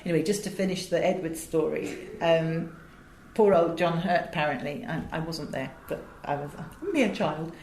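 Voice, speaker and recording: A middle-aged Englishwoman, a voice director and audio producer, tells anecdotes as an interview guest in an emphatic, theatrical, animated way. Her low, darkish voice moves at normal speed with hardly any pauses. The room has a roomy echo and faint background noise.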